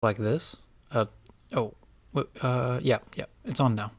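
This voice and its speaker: A man's voice: medium pitch, steady tone, measured pace, background noise, lightly acted. A man playing a nervous, deferential young apprentice investigator in an audio drama, hesitant and apologetic. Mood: nervous, flustered.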